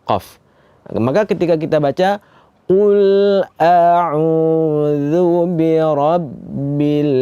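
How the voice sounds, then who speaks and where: A man with an Indonesian accent leads a recitation lesson, his voice somewhat high yet mellow and warm. He asks questions and answers them himself, drilling short syllables slowly. The sound is dry and close, with no room around it. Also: no echo. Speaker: Quran recitation teacher. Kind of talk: tajweed lesson with recited verses.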